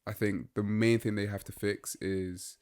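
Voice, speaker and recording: A man's voice: fairly low pitch, flat delivery, measured pace, a little mellow, clean tone. A young man, co-hosting a casual football chat and rambling through his opinions with lots of fillers. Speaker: podcast co-host.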